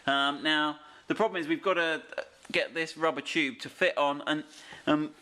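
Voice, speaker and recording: Man, bright forceful voice, a touch higher than most, plain hands-on explanation. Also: steady tone, moderate pace. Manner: explains the task plainly while working. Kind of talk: casual hands-on how-to explanation.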